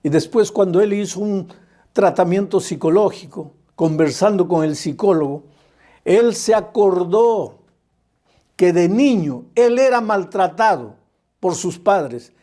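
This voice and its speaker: Older male pastor, mellow dark voice, impassioned sermon delivery, slips into quoted voices. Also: high voice, lively intonation, measured pace.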